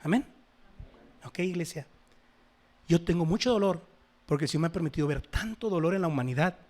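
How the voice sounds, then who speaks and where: A man preaching a sermon to his congregation, swinging between loud exhortation and soft asides. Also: on the high side, expressive, fairly quick. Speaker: pastor.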